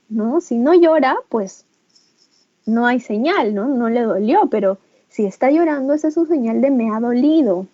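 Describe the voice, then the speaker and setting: Peruvian woman teaching in a warm tone. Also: no room sound, muffled recording. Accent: Peruvian Spanish. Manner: explanatory, with frequent "¿no?" tag questions; acts out caregiver phrases in a higher, livelier voice. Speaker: teacher trainer. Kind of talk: online teacher training lecture. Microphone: video call.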